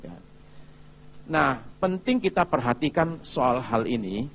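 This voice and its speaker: Lively male pastor preaching, lo-fi. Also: medium pitch, slow pace, a little hiss or hum. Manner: lively, chatty storytelling with audience asides. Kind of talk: sermon.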